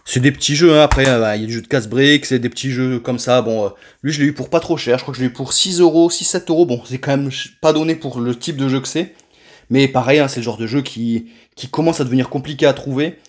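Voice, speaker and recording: A man's voice: mid-range voice, fast. A man casually presenting his new retro video game purchases, talking loosely with many fillers and restarts. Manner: chatty, many fillers and self-corrections. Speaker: retro game collector, channel host. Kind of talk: casual collection showcase vlog.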